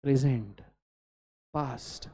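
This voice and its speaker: A man's voice: medium pitch, takes it slowly, warm tone, slightly rough. A man with an Indian accent giving a law lecture in a mix of Hindi and English. He drills his students in call-and-response chants and scolds them playfully. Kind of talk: classroom lecture.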